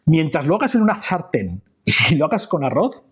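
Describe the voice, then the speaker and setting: A middle-aged man from the coast talks through his subject in a loose, rambling monologue. His voice is slightly husky and his pitch leaps around in a lively way. He keeps checking in with tag questions as he goes. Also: fairly quick. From Spain, Catalan-speaking Levante. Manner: digressive, chatty, many fillers and tag questions. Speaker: video host. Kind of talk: casual explanatory monologue.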